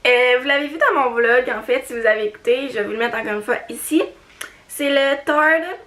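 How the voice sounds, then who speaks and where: A woman's voice: fairly high pitch, quick pace, fairly bright tone. A young woman with a Quebec French accent chatting casually in a beauty haul video, hesitant with many fillers and little giggles. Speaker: beauty vlogger.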